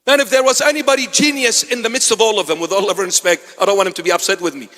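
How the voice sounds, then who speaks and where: A bishop, his voice sitting unusually high for a man, delivers a dramatic sermon. He lurches between loud exclamations and low, hushed asides with dry wit, and a long church reverb trails every phrase. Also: fairly even intonation, racing. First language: Assyrian.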